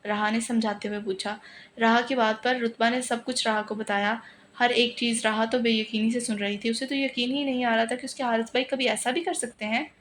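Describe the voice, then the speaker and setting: A woman narrates a romantic novel and speaks its dialogue herself, dropping into a hushed, tearful voice when the scenes turn sad. Her voice sits a little high and keeps a narrow, even pitch. A faint hiss of noise runs under the recording. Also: moderate pace. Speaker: novel reader. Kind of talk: dramatic novel reading with acted dialogue.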